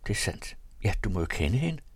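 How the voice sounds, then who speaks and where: A man reading aloud, voicing a wry, sensible middle-aged sister in a brisk, slightly raised tone. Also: lowish voice, sing-song, slightly rough, dry recording, voice pushed up, exaggerated voice. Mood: curious.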